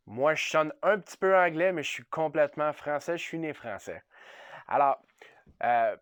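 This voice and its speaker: A man's voice: on the high side, smooth, dry recording, clean studio sound. A man from Ontario with a Franco-Ontarian French accent, hosting a casual, upbeat vlog and mixing English words into his French. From Ontario, Canada. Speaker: channel host.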